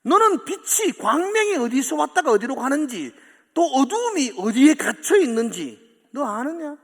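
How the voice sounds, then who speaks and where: A man's voice: very high voice, sing-song, moderate pace, pitched above the performer's own voice. A male preacher voicing God as a commanding, majestic figure who fires rhetorical questions, heard with long church hall reverb.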